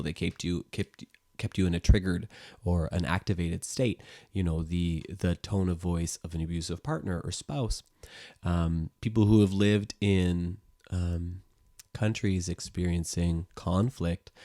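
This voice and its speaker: A man with a very low, deep voice leads a guided sound-healing lesson. He talks gently and calmly, explaining as he goes with plenty of soft fillers. The sound is close and dry, with no room echo. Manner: calm, gentle explaining with frequent "you know" and "um". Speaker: music teacher and sound therapist.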